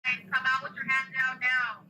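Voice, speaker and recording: A woman sheriff's deputy through a megaphone, slow, flat commanding announcement. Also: high voice. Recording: loud noisy outdoor field recording.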